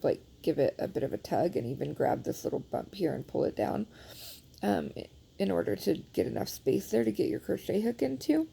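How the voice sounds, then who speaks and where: With a warm, slightly rough, medium-pitched voice and vocal fry, a knitting instructor walks through a knitting repair in a casual how-to demonstration. A phone held nearby records her sniffling and congestion. She keeps up a chatty, self-deprecating, apologetic patter loaded with fillers.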